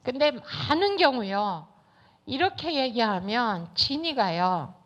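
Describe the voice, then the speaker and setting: A woman giving a lecture to teachers, acting out little dialogues between children, parents and teachers in an animated way. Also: on the high side, takes it slowly. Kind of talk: lecture with acted-out dialogue examples. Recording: dull lo-fi lecture recording.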